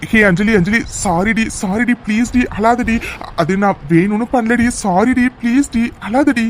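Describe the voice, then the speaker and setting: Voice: medium pitch, moderate pace, a little hiss or hum, natural voice. Voice actor doing a wheedling cartoon young man. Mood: pleading. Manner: wheedling, apologetic with repeated endearments. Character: young man, playful lover who fakes an injury. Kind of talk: cartoon voice acting.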